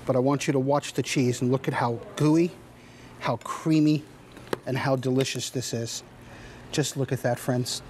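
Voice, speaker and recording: A man's voice: medium pitch, steady tone, moderate pace, a little mellow, slight background noise. A middle-aged man, a chef giving an enthusiastic, emphatic home shopping demonstration. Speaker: chef, culinary consultant demonstrating a product. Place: kitchen set in a TV studio.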